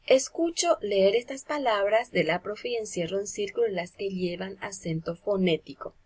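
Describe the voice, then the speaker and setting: A woman's voice: medium pitch, moderate pace, husky. A woman, teaching a grammar lesson to children online and explaining patiently through examples.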